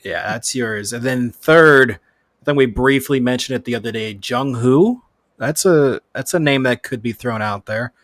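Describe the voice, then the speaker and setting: A man from California co-hosting a sports podcast, talking in a relaxed, hedging, conversational way. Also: mid-range voice, measured pace, dry recording. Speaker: podcast co-host. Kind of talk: casual sports chat.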